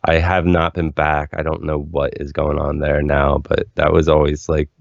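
A man's voice: very deep voice, little pitch movement, moderate pace, creaky, no room sound. A man in his forties from Philadelphia, a musician chatting casually in an interview, rambling and enthusiastic. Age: 40s. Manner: rambling, enthusiastic, says "like" a lot. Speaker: musician guest. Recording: dull, lo-fi, dry sound.

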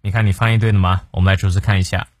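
A man's voice: low voice, flat delivery, very fast, dry recording, clean studio sound. A man teaching a morning English lesson, explaining a quote word by word.

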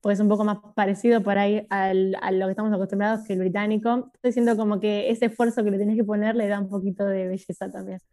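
A woman's voice: mid-range voice, level tone, fast, few pauses, dark tone. A young woman, chatting as an interview guest in a loose, musing way full of filler phrases. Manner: musing, loose, full of "o sea" and "como que". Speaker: guest, video creator. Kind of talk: casual interview chat.

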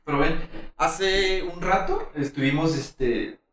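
A man's voice: on the high side, slow, a loud crowd. A man hosting a casual podcast, hesitant and full of fillers as he frames questions. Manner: hesitant, many fillers while framing questions. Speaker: podcast host. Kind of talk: casual interview chat. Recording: very echoey room, far from mic.

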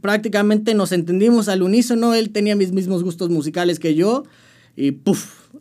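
A man's voice: high voice, moderate pace, a little mellow. A young man with a Mexican accent, chatting casually in an interview and telling his story with slang and frequent restarts. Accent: Mexican Spanish. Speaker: musician guest.

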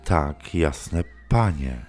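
A man voicing a frightened middle-aged woman teacher who answers in quiet, trembling, halting replies. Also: rumbling low, animated, soft background music, full character voice. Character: woman teacher around fifty, frightened then submissive.

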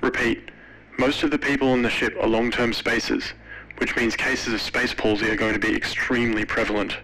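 A man voicing a terse male shore commander whose lines come over a radio, flat and matter-of-fact. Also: mid-range voice, fairly quick, rough recording.

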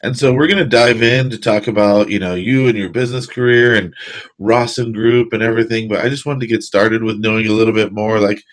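Low-voiced podcast host. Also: male voice, fairly even intonation, brisk. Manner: upbeat, friendly questioning. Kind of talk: scripted intro then casual interview. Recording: intro with faint music behind.

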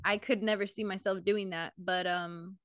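A woman's voice: medium pitch, steady tone, normal speed, fairly bright tone, no room sound, clean studio sound. A young woman co-hosting a podcast in casual chat, blunt and chatty, swearing casually and laughing often. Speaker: podcast co-host.

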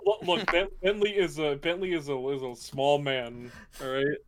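A man's voice: on the high side, steady tone, moderate pace. A young man in a casual game chat who restarts his words a lot and gets enthusiastic and defensive.

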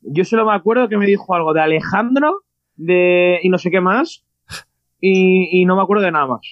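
A man's voice: sits high, normal speed, no echo. A man, co-hosting a podcast in casual chat, rambling and full of restarts. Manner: excited, rambling with many restarts. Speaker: podcast co-host. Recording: dull lo-fi dry sound.

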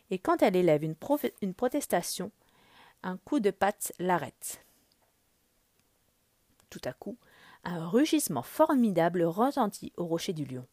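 A woman narrating a children's storybook in an expressive, animated read-aloud. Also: medium pitch, no echo, studio quality.

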